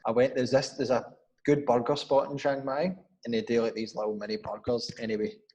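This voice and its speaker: A man's voice: mid-range voice, steady tone, a little fast, darkish tone, highs cut off. A young man with a Glaswegian accent, a guest on a casual podcast, telling rambling stories, swearing freely and laughing often. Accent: Glaswegian Scottish. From Scotland.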